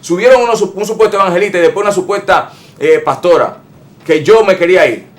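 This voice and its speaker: A man's voice: high-pitched, fast talker. A man pastor preaching an emphatic sermon, repeating phrases and speaking straight to his listeners as brothers. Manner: addresses listeners directly as brothers.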